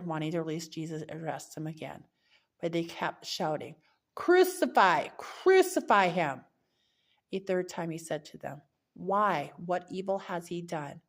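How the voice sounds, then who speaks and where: A woman's voice: low-pitched, darkish tone. A woman reading a Bible chapter aloud, now and then stumbling and correcting herself mid-word. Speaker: scripture reader.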